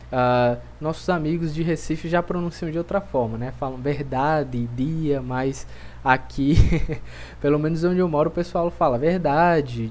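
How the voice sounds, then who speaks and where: A man with a Brazilian Portuguese accent teaching a pronunciation lesson, speaking clearly and repeating each word slowly for drilling. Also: a little high, a little mellow, slight background noise. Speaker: language teacher.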